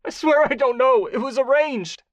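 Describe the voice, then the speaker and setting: A panicked captive government agent in an audiobook thriller, his voice leaping far above a normal speaking pitch and swinging wildly as he begs. He sounds shrill and close to breaking. The recording is dry and close, with no room sound. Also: animated, normal speed, no echo. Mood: desperate pleading. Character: terrified captive male federal agent, pleading. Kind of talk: audiobook character voice.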